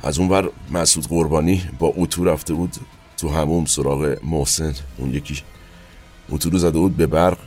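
A man narrating his own past in a colloquial, halting way, with asides and trailing fillers, over faint background music. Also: a bass voice, steady tone, a little mellow. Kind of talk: first-person spoken recollection.

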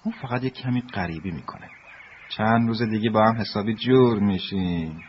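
A man voicing a kind adult who gently teases two children, in a dubbed film. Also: lowish voice, lightly acted. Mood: teasing. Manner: playful, gently teasing. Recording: dull lo-fi audio, faint hiss.

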